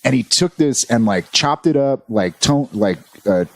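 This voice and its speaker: A man's voice: medium pitch, a little slow, vocal fry, no echo. A man co-hosting a podcast, rambling and swearing casually as he tells stories and acts out quotes. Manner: rambling, profane, animated storytelling; slips into quoted voices. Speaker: podcast co-host. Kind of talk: casual chat.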